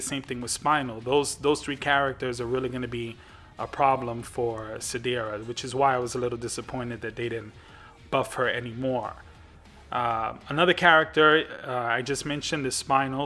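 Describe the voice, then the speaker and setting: A man's voice: mid-range voice, pushed and bright. A man hosting a gaming channel, giving casual commentary on a fighting game, rambling with lots of fillers and restarts.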